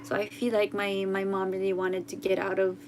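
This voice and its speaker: A young Filipino woman with a Filipino accent, chatting casually on a livestream, reading out comments and mixing in Tagalog, often halting to correct herself. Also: mid-range voice, completely flat delivery, a little hiss or hum. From Philippines. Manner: chatty, switches between English and Tagalog, often halting and unsure. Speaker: musician hosting a livestream.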